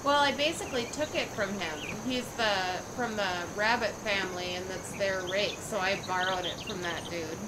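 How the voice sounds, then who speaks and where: A woman chats casually while streaming a game. Her pitch is average, and loud game ambience runs behind her voice. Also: normal speed, few pauses, heavy background noise. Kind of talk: casual gameplay chat.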